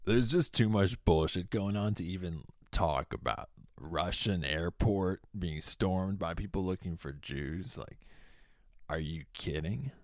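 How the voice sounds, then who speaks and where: A man's voice: deep voice, animated, a little slow, no room sound, studio quality. A young man from Boston with a Boston accent, hosting a comedy show in a profane, heated rant. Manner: profane, heated, shouting bursts. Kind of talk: stand-up style comedic rant.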